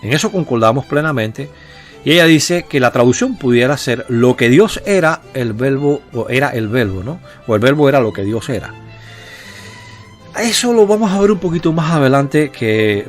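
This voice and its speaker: A man giving an explanatory lecture on grammar as a teacher, talking patiently and often checking in with his listeners. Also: mid-range voice. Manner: patient, explaining, with frequent "eh" and "¿verdad?" tags.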